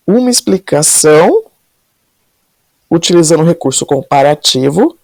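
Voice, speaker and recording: Woman language teacher with a gravelly voice, patient question-and-answer explainer, dry close-miked room. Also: on the low side, a little mellow, dry recording. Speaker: Portuguese teacher. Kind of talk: solving exam questions step by step.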